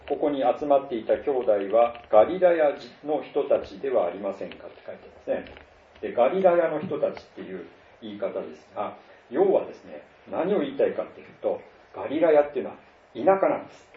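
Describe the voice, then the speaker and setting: A middle-aged man from northern Japan preaching a sermon in an easygoing, conversational way, pausing often with fillers. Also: mid-range voice, lively intonation, slight background noise. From Tohoku, Japan. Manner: conversational, many fillers and pauses. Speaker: pastor. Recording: roomy, distant, dull lo-fi sound.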